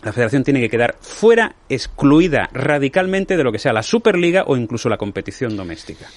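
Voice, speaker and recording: A man's voice: mid-range voice, sing-song, brisk, a little hiss or hum. A man arguing firmly as a football pundit on a radio talk show, laying out his points one by one. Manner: emphatic, lists points firmly. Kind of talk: heated sports debate. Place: radio studio.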